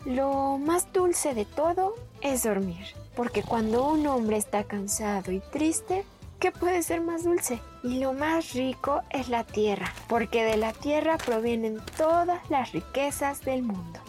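A woman's voice: sits high, animated, slow pace, darkish tone, soft background music, pitched above the performer's own voice. A woman voicing a poor, worried old shepherd who speaks humbly in a children's storybook. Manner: fretful, humble.

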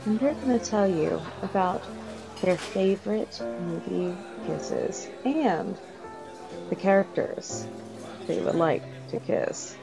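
Slow, playful woman hosting over music. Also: lowish voice, sing-song, creaky, rough recording. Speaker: podcast host. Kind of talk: episode intro. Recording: music playing behind her.

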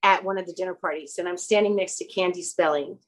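A woman's voice: on the low side, fast, low-quality recording. A woman, a guest who acts and runs a clothing store, telling rambling anecdotes in a casual interview. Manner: animated, rambling anecdotes with quoted dialogue.

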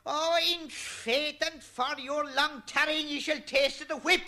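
A man's voice: fairly high pitch, sing-song, a little slow, exaggerated voice. An actor playing Noah, a weary old man and bossy husband, declaiming old verse. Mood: furious. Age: older. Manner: declaiming verse, grumbling then shouting. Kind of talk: old-style verse play.

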